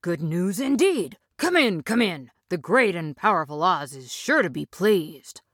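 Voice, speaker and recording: A woman's voice: on the low side, very animated, measured pace, no room sound, studio quality. A woman doing a fussy male gate guard. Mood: surprised.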